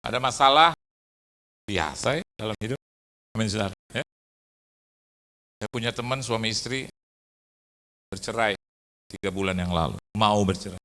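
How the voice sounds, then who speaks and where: A male pastor preaching at a fellowship gathering, telling a funny story with lively, acted-out dialogue. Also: lowish voice, moderate pace, long pauses. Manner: animated, humorous, acts out dialogue. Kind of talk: sermon with storytelling.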